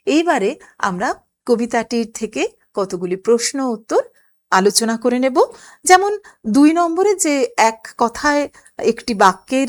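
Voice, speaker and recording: A woman teacher with a Bengali accent, explaining a poem to school students and reciting its lines with feeling. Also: fairly high pitch. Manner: expressive, lingering over recited lines. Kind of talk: poetry lesson for school students.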